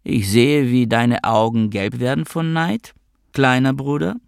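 A man reading an audiobook voices a sharp-tongued, bitter adult woman with a sarcastic, needling manner, pitching his voice up for her. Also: normal speed, vocal fry, dry recording, clean studio sound. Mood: taunting. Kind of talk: audiobook character voice.

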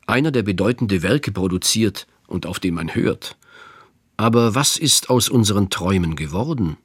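Man in his 50s, very deep voice, lively intonation, husky, scripted radio narration, dry studio sound. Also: dry recording. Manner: reflective, measured. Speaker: radio feature host.

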